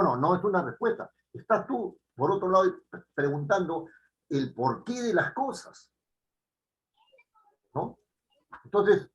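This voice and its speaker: A man's voice: on the high side, lo-fi sound. A man with a Peruvian Spanish accent teaching a writing class, emphatic and full of tag questions. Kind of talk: online writing lesson.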